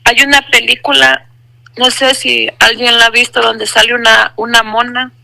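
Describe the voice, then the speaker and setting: A woman gives an earnest personal religious testimony, repeating phrases for emphasis. Her voice sits a little high and sounds strikingly bright and sharp, with a gravelly edge. The sound is dry and close. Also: flat delivery, moderate pace, no room sound, rough recording. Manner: addresses listener as brother. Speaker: testimony speaker.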